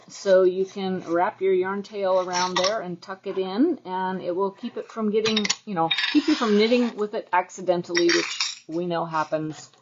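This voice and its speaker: A woman's voice: medium pitch, muffled recording, noisy background. A woman co-hosting a casual craft livestream, bubbly and cooing over cute items. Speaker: livestream co-host. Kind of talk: casual product showcase livestream.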